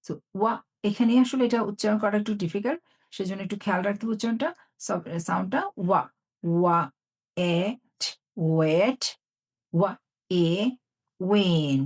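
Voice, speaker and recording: A woman teaching English phonics sounds in a lesson. She explains each sound, then repeats it and its example words slowly, one at a time. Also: mid-range voice, darkish tone.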